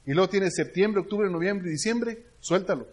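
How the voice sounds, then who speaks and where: A man's voice: high-pitched, moderate pace. A middle-aged man with a Mexican Spanish accent giving a motivational business seminar, telling stories and often checking that the audience follows him. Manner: storytelling that keeps checking in with the audience. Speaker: business leadership speaker.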